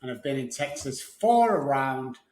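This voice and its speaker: A middle-aged man from Manchester, England, an addiction recovery specialist, answers interview questions conversationally as a podcast guest. His mid-range voice is sing-song and darkish, at normal speed, with a Manchester English accent. He's recorded in a home office and studio that sounds roomy and echoey.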